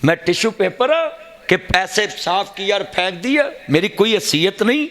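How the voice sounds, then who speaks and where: A man's voice: high-pitched, lively intonation, normal speed, fairly bright tone, pitched above the performer's own voice. A man voicing a distraught, worn-down divorced woman who pleads bitterly in his sermon. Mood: bitter pleading.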